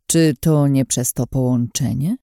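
A woman's voice: extremely low pitch, unhurried, warm tone, no room sound, studio quality. A woman voicing a tactless, boorish male lord in an audiobook, blunt and offhand. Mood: needling.

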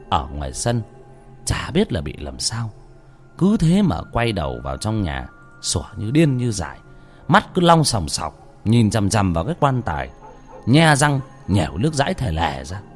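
A man's voice: fairly low pitch, wildly swooping pitch, unhurried. A man narrating a ghost story in a dramatic, suspenseful way. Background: faint music.

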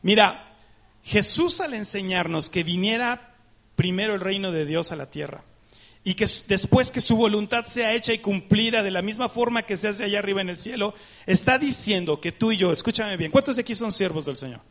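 High-voiced pastor preaching. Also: male voice, lively intonation, normal speed, fairly bright tone. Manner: asks the congregation questions, rhetorical and emphatic; acts out dialogues with God in prayer. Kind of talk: sermon.

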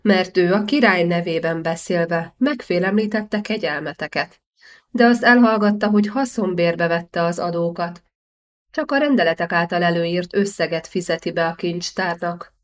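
A bold young man in an audiobook, scolding with cutting, righteous indignation, as a woman reader voices him. The voice sits a little low and carries steady, clear force. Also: natural voice. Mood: indignant.

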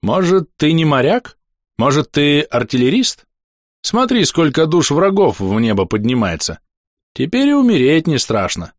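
A man's voice: mid-range voice, animated, unhurried, dry recording, studio quality, pitched above the performer's own voice, lightly acted. A man voicing a naive, cheerful blind monk in an audiobook, speaking with simple wonder.

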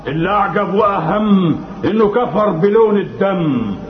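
An officious jinn guard with an Egyptian accent, very high and swooping in pitch. He is excitable and accusing, a king's servant in a radio fantasy, heard on an echoey old recording. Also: normal speed, highs cut off. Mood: deferential, alarmed. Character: officious, excitable male jinn guard, servile to his king. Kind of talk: theatrical Arabic radio fantasy drama.

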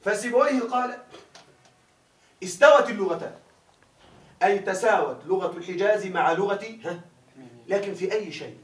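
A man gives a classroom grammar lecture in a fairly high voice, stopping often to ask whether the students follow. He is heard from some distance off the mic. The room is echoey. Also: fairly quick. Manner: keeps asking students if they follow. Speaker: grammar teacher.

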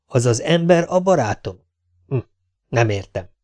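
A man's voice: mid-range voice, expressive, dark tone, close to an everyday voice. A man doing a genial, self-assured border captain. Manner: affable, then firm and curt.

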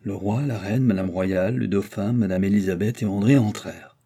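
A male audiobook narrator who reads in a measured, even way. His voice sits low and sounds dark and mellow. It has a husky edge. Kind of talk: scripted narration.

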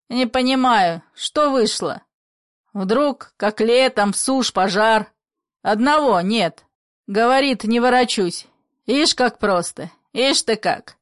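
A woman voicing an old father who shouts in bitter anger, in a play reading. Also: mid-range voice, no room sound, studio quality, close to an everyday voice. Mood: bewildered. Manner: furious shouting.

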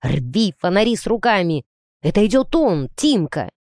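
A woman reading a storybook voicing a rough, sullen teenage boy who leads a gang and barks orders gruffly. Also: mid-range voice, sing-song, normal speed, darkish tone, dry recording, studio quality. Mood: shouting orders.

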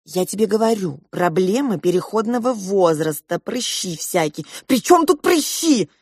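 A woman's voice: medium pitch, animated, moderate pace, darkish tone, breathy edge, no echo, studio quality. A woman voicing a distraught father who talks in an anxious, desperate way.

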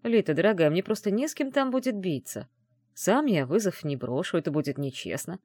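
A woman voicing a calm, stern young male mage who speaks quietly and with restraint. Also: lowish voice, fairly quick, dry recording, clean studio sound. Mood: calm, warning.

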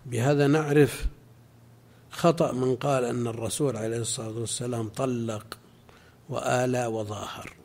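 A man teaching a class as a religious scholar, explaining a legal text in a measured way and answering students' questions. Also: mid-range voice, fairly even intonation, a little mellow.

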